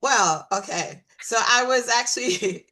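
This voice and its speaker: A woman's voice: fairly high pitch, unhurried, pushed and bright. A woman from Brooklyn with a Brooklyn accent, telling stories animatedly and laughing as a panelist in a casual chat. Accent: Brooklyn New York. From Brooklyn, New York.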